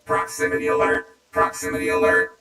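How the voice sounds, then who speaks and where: A man's voice: fairly quick, pushed and bright. A man voicing a broken old male war robot through a glitching robot voice filter, giving clipped reports and repeating errors. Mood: mechanical. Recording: echoey, distant, with music behind.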